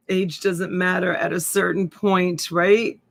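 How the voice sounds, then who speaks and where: A woman's voice: lowish voice, creaky. A woman in her fifties hosting a casual live stream, rambling and chatting with viewers as she reads their comments. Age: 50s. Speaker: live-stream reseller host. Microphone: USB desk mic.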